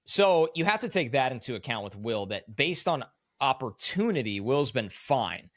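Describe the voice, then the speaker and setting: A man's voice: mid-range voice, big pitch swings, normal speed, no echo, clean studio sound. A man co-hosting a sports podcast, breaking down plays in long, analytical run-on explanations. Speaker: podcast co-host. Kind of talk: casual sports analysis chat.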